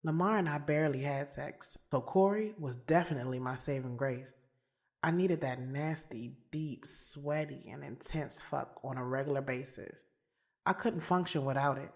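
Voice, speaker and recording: Speaking at normal speed in a very deep, slightly mellow voice, a woman narrates and stars in an audio drama series. Her character is a strong-willed, bold and frank adult schoolteacher, and she recounts her love life in a confiding, conversational first-person style full of slang and street smarts.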